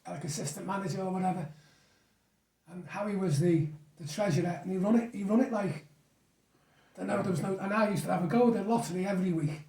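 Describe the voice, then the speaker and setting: A man's voice: high-pitched, mellow. An older man with a Merseyside accent, chatting and telling anecdotes as an interview guest in a casual reminiscing conversation. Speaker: guest, former football referee. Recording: echoey room, distant mic.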